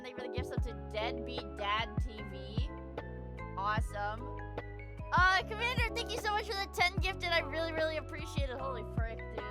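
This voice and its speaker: A young woman streams in a cute anime-streamer style, her voice high and swinging widely in pitch. She chats casually with her viewers, gushing and cursing as she goes. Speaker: livestreamer. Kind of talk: casual livestream chat.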